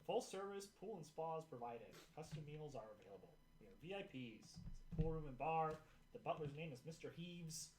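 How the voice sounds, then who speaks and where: A man with a slightly high voice rambles through his game notes with chuckles and quick asides. The room is echoey and the background noisy. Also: animated, a little mellow. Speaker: player reading session notes. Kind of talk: casual tabletop game chat.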